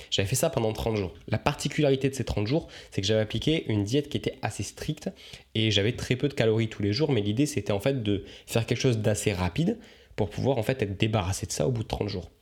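A man's voice: lowish voice, a little mellow. A young man, a coach, musing aloud in a casual podcast monologue, rambling and reflective with many fillers and restarts.

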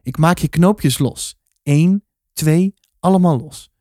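A man reading aloud voices a tough teenage girl speaking softly and tenderly to a small child in a storybook. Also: on the high side, slow, no room sound, clean studio sound. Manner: soft, hushed.

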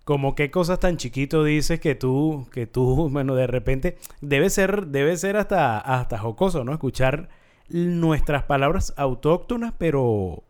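A man hosting a radio interview and asking measured, friendly questions. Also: fairly high pitch, a little mellow. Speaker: radio host.

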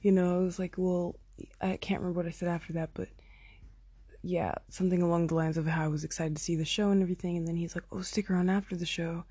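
A chatty young woman recording herself on her phone, piling on fillers and playing out each line of dialogue. Her voice is mellow and slightly husky, sitting a little low. The sound is close and dry, with no room around it. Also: little pitch movement, fast talker, dry recording. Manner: chatty, lots of "like" and "oh my God", acts out quotes. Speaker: podcaster telling a concert story. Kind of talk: casual storytelling.

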